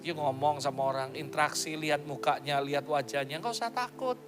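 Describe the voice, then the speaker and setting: A man's voice: fairly high pitch, a little fast, over loud music. A male pastor preaching a sermon in a playful, joking way, slipping English phrases into his talk.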